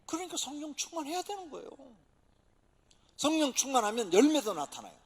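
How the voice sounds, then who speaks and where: A pastor preaching a dramatic sermon, swinging from loud exhortation to near-whisper, recorded in a church sanctuary. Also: male voice, extremely high pitch, big pitch swings, a little fast. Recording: long church hall reverb.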